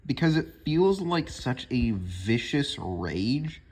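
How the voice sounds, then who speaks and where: A man's voice: mid-range voice, sing-song, slow, darkish tone, breathy edge. A man hosting a video, giving casual scripted ranking commentary. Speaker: video host.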